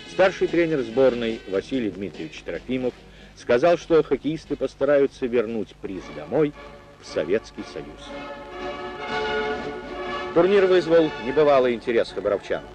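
A man's voice: mid-range voice, low-quality recording. A man narrating an old newsreel in a formal, declamatory reporting manner. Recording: narration over loud music.

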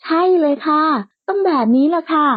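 A woman's voice: very high voice, normal speed, dry recording, pitched above the performer's own voice. A woman voicing a bold, playful young woman who likes to tease, in a lightly lo-fi, dry recording. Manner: playful and outspoken, bright and teasing.

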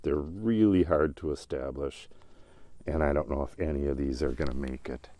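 A gardening channel host strolls outdoors through his garden, rambling and thinking aloud about his plants. His voice rumbles low and mellow at a moderate pace, and the recording is dry.

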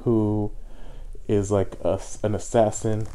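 A man's voice: fairly low pitch, little pitch movement, slow, dark tone. A man in a costume head giving a casual, enthusiastic and rambling movie review in slangy talk. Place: indoors, fursuit costume.

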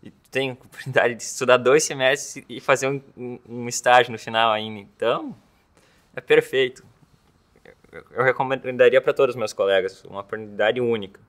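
A man's voice: mid-range voice, fairly quick, fairly bright tone. A young man, an exchange student giving an interview testimonial, who often stumbles and repeats words as he starts. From southern Brazil. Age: young adult. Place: indoor campus building.

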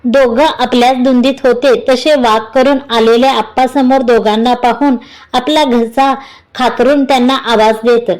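A woman storyteller reading a romance tale aloud in a steady, expressive way. Her voice sits notably high. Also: moderate pace, poor audio. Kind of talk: scripted narration of a romance story.

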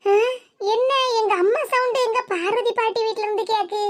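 A woman's voice: very high voice, fairly even intonation, moderate pace. A woman doing a dramatic, complaining grown daughter. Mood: fretting. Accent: Tirunelveli Tamil. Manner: complaining, theatrical. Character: fretful grown daughter, dramatic and self-pitying. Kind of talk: cartoon voice acting.

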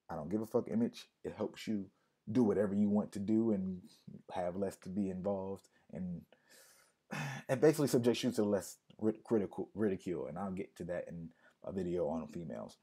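Low, mellow-voiced man explaining casually. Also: a little fast, slightly rough. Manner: conversational, repeats key points for emphasis. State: losing his voice. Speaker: music marketing consultant.

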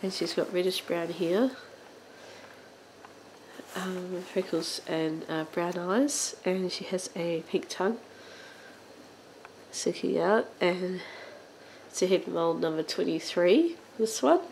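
A woman speaking slowly and a little low, talking through a vintage doll in a loose show-and-tell way. She hesitates often, filling gaps with ums and uhs, and coughs now and then. Faint room ambience sits behind her voice at home. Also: gravelly, darkish tone, a little hiss or hum, poor audio. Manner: hesitant, many ums and uhs, halting phrasing; occasional coughs. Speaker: doll collector channel host. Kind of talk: casual show-and-tell narration. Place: indoors at home, on a sofa.

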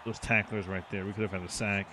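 Lowish-voiced guy reacting to his football game, gets excited, noisy background. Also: fast talker. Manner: excitable, reacting to plays aloud. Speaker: gaming channel host. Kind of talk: video game commentary.

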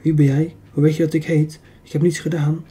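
A man's voice: a little high, little pitch movement, brisk, dark tone, close to an everyday voice. A man reading an audiobook, voicing a timid, frightened old woman who whimpers and pleads.

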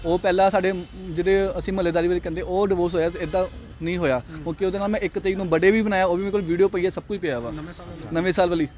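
A man's voice: sits high, steady tone, racing, darkish tone. A young man, agitated in a street interview, repeating himself. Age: young adult.

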